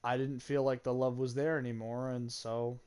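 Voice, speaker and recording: A man's voice: mid-range voice, flat delivery, normal speed, darkish tone, clear, resonant tone. A young man candidly telling a personal story, swearing freely and sounding regretful. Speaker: gaming channel host.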